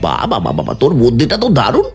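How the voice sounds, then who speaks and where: A man's voice: medium pitch, huge pitch swings, rapid-fire, faint music behind. A man voicing a smug, scheming, jealous village husband in a cartoon, teasing and bossy.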